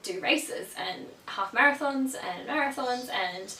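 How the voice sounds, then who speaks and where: With a cold that leaves her slightly sniffly, this young Australian vlogger chats to her viewers about a product in a gushing, um-filled way. Her voice sits on the high side, a little slow, with a bright, forceful tone. It's picked up from a distance in a roomy space, a faint hum underneath.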